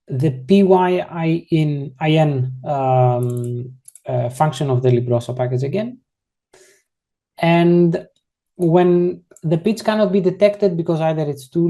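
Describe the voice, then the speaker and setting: This online coding lesson comes from an instructor whose voice is soft, mellow, and mid-pitched, heard over a computer mic. The explanations go step by step in a relaxed way, frequently broken off to rephrase or fix what was just said.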